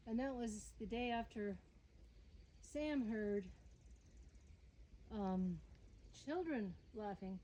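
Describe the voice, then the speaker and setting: A woman's voice: on the high side, dark tone, a little hiss or hum. A woman hosting a hike outdoors in the mountains, chatting and musing aloud as she walks, tired and hot. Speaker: host of a Bigfoot investigation channel. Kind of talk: casual chat while hiking.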